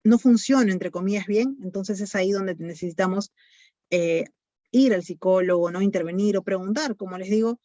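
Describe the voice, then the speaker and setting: A woman's voice: medium pitch, normal speed, warm tone, dry recording. A woman psychologist with a Peruvian Spanish accent, explaining things to parents in an online talk, with lots of fillers. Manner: explanatory, many fillers like "eh" and "este". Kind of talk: online talk answering questions. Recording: dull lo-fi dry sound.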